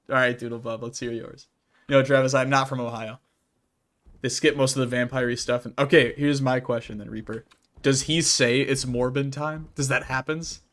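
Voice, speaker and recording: A Midwestern American man streams a game, reading chat messages aloud and casually answering them while laughing often. His voice sits at a medium pitch with a slightly bright quality, and he has a Midwestern accent.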